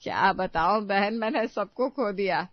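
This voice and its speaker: A woman's voice: mid-range voice, a little slow, no echo, highs cut off, lightly acted. A woman voicing a stern but hurt middle-aged mother-in-law who pleads and defends herself. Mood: regretful.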